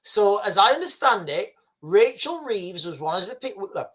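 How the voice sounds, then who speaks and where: Very animated and a bit bright, a high-voiced man from Yorkshire moves at a moderate pace through viewer comments on his livestream. His casual commentary rambles with repeated, restarted phrases, and he regularly addresses viewers as "guys."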